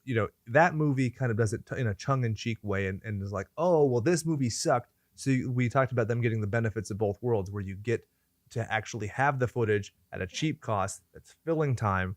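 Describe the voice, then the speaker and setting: A man's voice: on the low side, a little fast, no echo. Man in crude, swearing banter. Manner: crude joking rants, heavy swearing. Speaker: podcast host. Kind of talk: casual chat.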